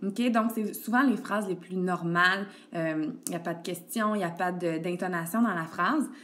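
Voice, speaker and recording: A woman teacher walks a child through a grammar lesson. She is patient and steady, full of little "ok"s and "donc"s. It is recorded on a tablet screencast. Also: on the low side, moderate pace. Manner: patient, addresses the child directly with frequent "ok" and "donc". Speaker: elementary school teacher.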